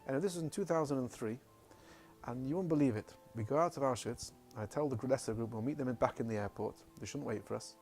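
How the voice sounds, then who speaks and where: A man recounting a family story in a halting way, often repeating words. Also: mid-range voice, a little mellow, soft background music. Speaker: speaker recounting family history. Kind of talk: spoken personal testimony.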